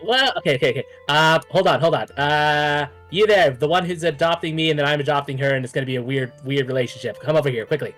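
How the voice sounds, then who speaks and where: A man's voice: a little high, fast talker, few pauses, fairly bright tone, faint music behind, natural voice. A man doing a cheeky century-old bookworm. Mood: hurried. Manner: playful, teasing.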